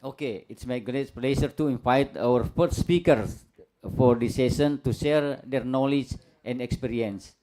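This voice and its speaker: A man's voice: mid-range voice, unhurried, mellow. A man with an Indonesian accent, moderating a workshop and reading its introduction aloud with frequent fillers. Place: seminar room.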